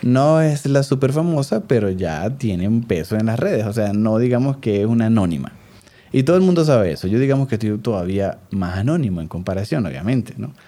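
Venezuelan guy in his 30s chatting on a podcast, warm low tone, acts out what people say. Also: fairly quick. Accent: Venezuelan Spanish. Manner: animated storytelling, acts out quoted voices. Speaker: podcast co-host. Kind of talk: casual chat.

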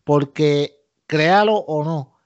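A man co-hosting a podcast, joking and animated. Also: fairly high pitch, slow pace. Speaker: podcast co-host. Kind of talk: casual podcast chat. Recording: dull lo-fi podcast audio.

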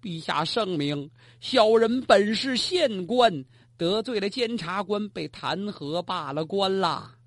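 A man's voice: high-pitched, animated, fairly quick, a bit bright, no echo. A man voicing a humble tea servant, once an official, pleading his case in a storytelling performance.

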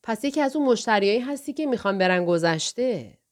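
A woman voicing a calm, reserved young café waitress who asks polite, matter-of-fact questions in an audiobook. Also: fairly high pitch, lightly acted. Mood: composed. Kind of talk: audiobook character voice.

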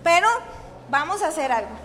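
A woman giving a lively sermon, telling a story with frequent laughter in a church. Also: high voice, fairly quick, slight background noise. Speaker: church speaker. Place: church hall. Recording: reverberant church hall.

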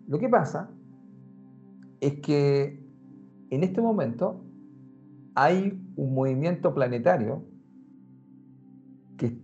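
A man with a medium-pitched voice gives a casual explanatory talk, speaking in an animated, conversational way straight to the listener. The sound is muffled and lo-fi, with faint music underneath.

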